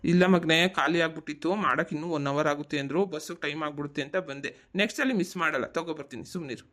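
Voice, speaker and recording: A man's voice: on the high side, rapid-fire, a bit bright, close to an everyday voice. A man voicing an affectionate village father home from the city, coaxing and fatherly. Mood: explaining. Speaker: cartoon voice actor. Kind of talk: cartoon voice acting.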